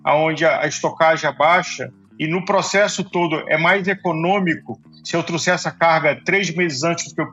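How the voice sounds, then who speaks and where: A man with a high voice hosts the podcast, building long, thoughtful questions for his guests. The recording sounds a little dull and lo-fi, with faint music behind him. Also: a bit bright. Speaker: podcast host. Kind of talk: podcast interview.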